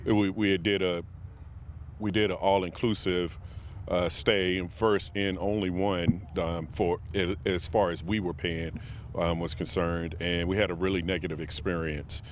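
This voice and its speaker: A man from Virginia, a guest on a casual podcast interview, speaks earnestly and reflectively with many pauses and fillers. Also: low-pitched, flat delivery, a little hiss or hum. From Martinsville, Virginia, USA. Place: outdoor expo grounds.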